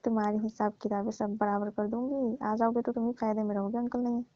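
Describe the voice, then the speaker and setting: The woman talks fast at a fairly high pitch with a level tone, lightly acting as a middle-aged auntie who coaxes, teases, persuades and placates during a staged comic phone call. The sound is a dull, dry lo-fi phone recording.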